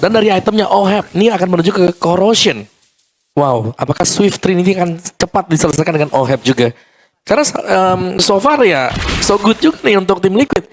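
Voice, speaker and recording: Indonesian man, quick delivery, slightly high voice, casual esports co-commentary with music behind. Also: lively intonation, slight background noise. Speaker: esports co-caster. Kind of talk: casual live game commentary.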